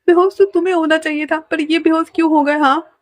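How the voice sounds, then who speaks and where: A dramatic young man who frets and whines over every mishap, voiced by a woman reading a fan story. His voice sits high and pushes louder in each outburst. It is heard dry and close, with no room sound. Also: normal speed, no echo. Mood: panicked. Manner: exclaiming, whiny, melodramatic. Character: flustered, dramatic young man, easily panicked.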